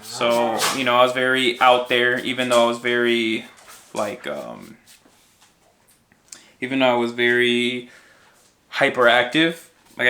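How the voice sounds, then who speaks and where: On a podcast he co-hosts as a guest, a young American man who grew up in Minnesota rambles through his personal stories with self-deprecating humor. His voice is medium in pitch, pushed and bright.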